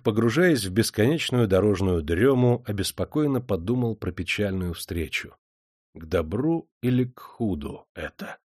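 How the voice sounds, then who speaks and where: Expressive male audiobook narrator. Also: lowish voice, slightly rough, no room sound, studio quality. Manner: expressive reading.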